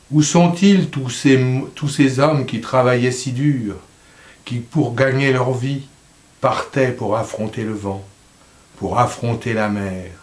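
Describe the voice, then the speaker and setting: A man reciting poetry in a slow, solemn voice, letting line endings drop softly. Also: mid-range voice, roomy sound. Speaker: poetry reader.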